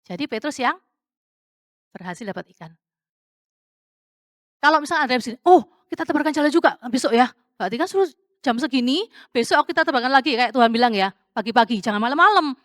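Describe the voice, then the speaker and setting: A woman's voice: sits high, expressive, fast talker, pauses often, fairly bright tone, dry recording, studio quality. A woman preaching a casual, testimony-style sermon, chatty and conversational, dropping English words into her talk and asking the congregation questions.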